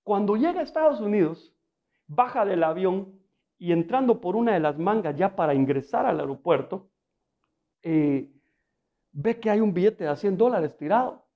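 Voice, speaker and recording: A man's voice: sits high, animated, moderate pace, highs cut off. A male pastor preaching a sermon in a conversational, storytelling way, often asking his listeners rhetorical questions and adding humor.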